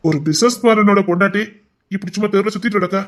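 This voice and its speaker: A man's voice: high-pitched, quick pace. A man playing a stern, insistent husband who scolds his wife in a colloquial family drama.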